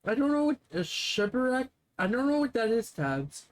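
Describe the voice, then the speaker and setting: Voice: medium pitch, very animated, normal speed. Live-stream game narrator; wry, muttering asides, faint music under the voice. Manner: sarcastic, swears and mutters asides. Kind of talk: live game read-through with commentary.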